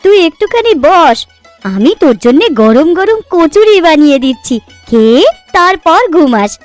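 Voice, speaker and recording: In this Bengali cartoon voice acting, a woman plays a fond, fussing village woman from a fairy tale, coaxing and doting at a moderate pace. Her voice is high and sing-song, with background music underneath.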